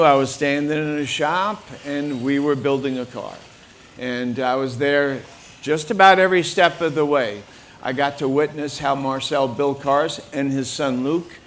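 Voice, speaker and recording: An older man from New York, a guest on a car forum panel, telling his story plainly with frequent pauses. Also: a little high, slight background noise. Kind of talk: panel discussion. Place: forum room with an audience.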